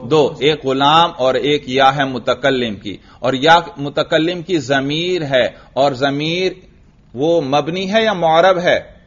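A man teaching an Arabic grammar lesson, asking his students questions, answering them himself, and drawing out the example words slowly. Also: on the high side. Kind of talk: classroom lesson. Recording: dull lo-fi recording.

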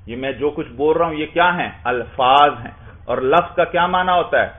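A man teaching a class, explaining step by step and asking his students questions that he then answers himself. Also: fairly high pitch. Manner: explains with repeated questions and answers, often adds "bhai". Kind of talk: classroom lecture. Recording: tinny phone-like sound.

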